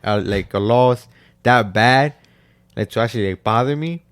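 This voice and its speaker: A man's voice: mid-range voice, moderate pace, smooth, no room sound. A young man co-hosting a podcast, telling a story in slang, full of "like" and "bro". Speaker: podcast co-host. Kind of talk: casual chat.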